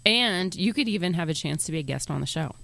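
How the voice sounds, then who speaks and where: Woman co-host, brash and jokey, gravelly edge, dry close mic. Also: fairly low pitch, animated, fast talker, fairly bright tone, no echo. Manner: brash, joking, gives show plugs. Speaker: podcast co-host. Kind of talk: casual podcast chat.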